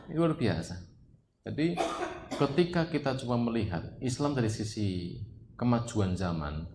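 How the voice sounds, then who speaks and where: A man's voice: low voice, darkish tone, a little hiss or hum. A man preaching a religious study lecture, asking rhetorical questions and rising to emphatic peaks. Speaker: Islamic preacher. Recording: roomy echo, faint ambience.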